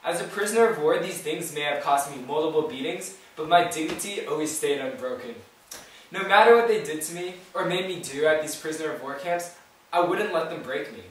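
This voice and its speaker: A man's voice: on the high side, brisk, slight background noise, natural voice. A man playing a stoic former prisoner of war who earnestly tells of his ordeal in a plain, storytelling way. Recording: very echoey room from far off.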